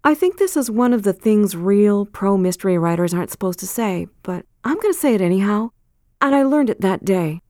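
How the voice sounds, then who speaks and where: A woman reading book excerpts aloud in an audiobook style, expressive and dramatic in her emphasis. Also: mid-range voice, brisk, no echo, clean studio sound.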